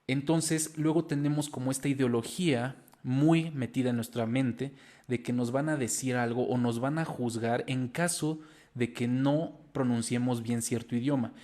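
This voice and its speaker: A young man in his twenties with a Mexican Spanish accent gives a motivational talk to camera. He sounds earnest and encouraging and speaks directly to his viewers. His voice sits at an ordinary middle pitch. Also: steady tone, moderate pace, warm tone. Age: 20s. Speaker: language-learning video host.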